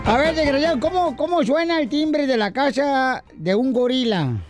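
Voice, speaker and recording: A man's voice: extremely high pitch, animated, normal speed, over loud music. A Mexican man hosting a radio comedy show, telling jokes with rowdy, teasing banter.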